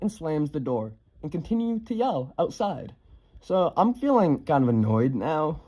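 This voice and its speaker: A man's voice: mid-range voice, dark tone. A young man casually telling a personal story, offhand, swearing now and then with lots of fillers.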